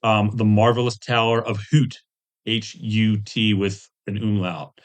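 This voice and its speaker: A tabletop game designer and webcomic artist, a guest in a casual interview, tells rambling, self-deprecating anecdotes with jokey asides. His voice is on the low side, flat and a little slow.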